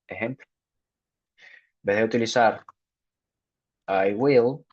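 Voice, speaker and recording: Male teacher, unhurried lesson delivery, muffled low-fi audio. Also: a little mellow. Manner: slow, repeats "ok" to check understanding. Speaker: English teacher. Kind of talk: spoken grammar lesson. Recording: dull lo-fi sound.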